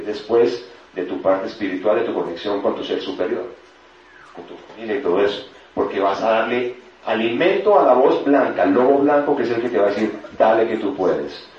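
A man's voice: fairly low pitch, slight background noise. A man giving a motivational seminar talk, telling stories and addressing the audience. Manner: storytelling, animated, addresses audience. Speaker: motivational speaker. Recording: echoey hall, distant dull mic.

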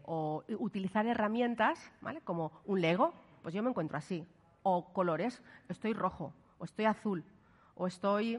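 Woman giving a talk, mid pitch, lots of "vale?" to the crowd, hall echo rings out. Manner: lively, asks the audience questions, frequent "¿vale?". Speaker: speaker giving a workshop talk. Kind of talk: live talk to an audience. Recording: long hall reverb.

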